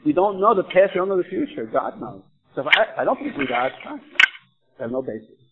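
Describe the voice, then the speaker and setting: A man's voice: high voice, sing-song, quick pace. A man earnestly explaining religious views in discussion, telling stories and asking questions, heard as tinny phone-like sound. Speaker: religious speaker. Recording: tinny phone-like line with faint noise.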